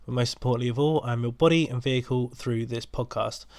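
This podcast host's voice is medium-pitched, quick, darkish, clear, and resonant, recorded with no room sound. Congested from a cold, he rambles through a casual solo intro, dropping lots of ums and starting over.

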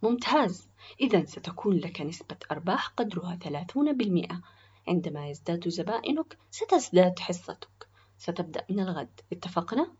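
A firm, businesslike neighborhood official speaks loudly and decisively in a storybook tale, voiced by a woman. The voice is breathy, and the recording is dull and lo-fi. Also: on the low side, big pitch swings, a little fast, heavily acted.

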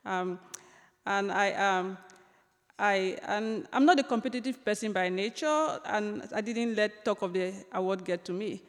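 Speaking a little slowly in a mid-range voice, this young woman from Cameroon is an author giving a storytelling talk. She shares a personal story on stage with gentle humor, frequent ums and restarts, and the long reverb of a large lecture hall around her.

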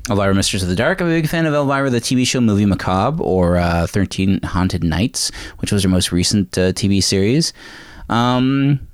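A man's voice: lowish voice, clear, resonant tone. A man hosting a casual podcast chat, enthusiastic and playful. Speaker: podcast host.

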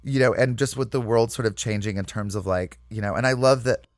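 A man with a medium pitch speaks a little fast during a casual interview as a comedic actor. He rambles, leaning on "you know" and "like" and tossing in lively asides.

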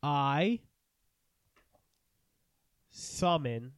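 A male tabletop player with a fairly high voice. He improvises casually and deadpan, tossing out crude jokes, recorded dry. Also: drawn-out words, clean tone, dry recording. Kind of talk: casual improvised role-play chat.

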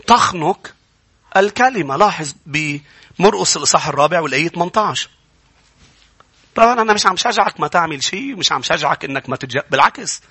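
A man with a Lebanese accent preaching a Bible-school sermon, emphatic, building to loud peaks and then dropping low. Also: breathy edge, no echo. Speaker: pastor.

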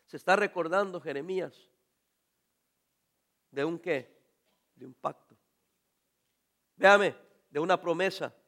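A man preaching a sermon to his congregation, animated, questioning them directly and breaking into shouts. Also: a little high, measured pace, pauses often. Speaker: pastor.

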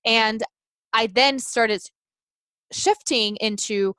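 Speaking very slowly in a fairly high, pushed, bright and clean voice, a woman in her thirties whose native language is Portuguese talks earnestly as an interview guest. She's a life coach thinking aloud in casual chat, with restarts and frequent "you know"s, on a dry recording.

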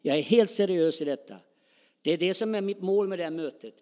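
A middle-aged man preaching a sermon, talking spontaneously and calling out questions to the congregation in a church hall. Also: high-pitched. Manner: animated, spontaneous, calls out to the congregation. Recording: long hall reverb.

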